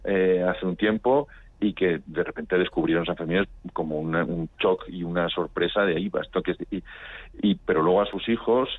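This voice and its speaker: Speaking over a phone-like radio link, a man from Pamplona with a northern Spanish accent shares casual anecdotes as a documentary filmmaker being interviewed. He has a low voice, talks at normal speed, and there is no room sound.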